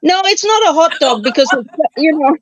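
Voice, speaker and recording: A woman's voice: high-pitched, expressive, a little fast, no room sound. A woman from Kenya in a casual chat, eagerly explaining things and talking over others. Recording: dull, dry lo-fi call audio.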